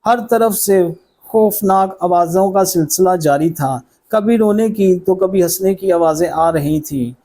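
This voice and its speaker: This scripted story is told by a slow-speaking male narrator whose high voice has a dark tone, delivered with measured drama. Music is clearly audible under the narration, and the low-quality recording carries slight background noise.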